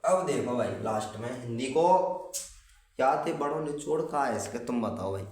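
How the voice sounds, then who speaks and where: A man's voice: medium pitch, lively intonation, normal speed. A young man, giving casual, rambling exam tips to students he calls brother. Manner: chatty, addresses viewers as brother, rambling. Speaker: exam tips video host. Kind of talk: casual exam-prep talk. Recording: echoey room, far from the mic.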